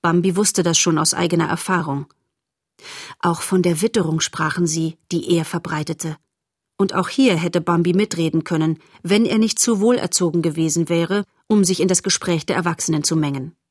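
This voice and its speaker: A woman reading a children's novel aloud as narrator, in a steady, expressive storytelling manner. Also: on the low side, moderate pace, no echo, clean studio sound.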